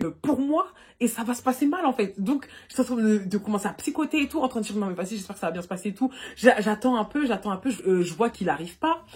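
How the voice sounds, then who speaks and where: A young woman vlogger telling a personal story in a casual storytime monologue, animated and full of fillers, recorded on a phone. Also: on the high side, husky. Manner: rapid and animated, full of fillers like "et tout" and "du coup".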